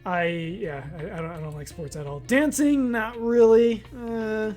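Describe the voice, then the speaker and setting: A man's voice: sits high, unhurried, a little mellow, soft background music. A young man chatting casually as he reads a quiz aloud, rambling and often correcting himself, and laughing at his own words. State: hiccuping. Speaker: gaming video creator.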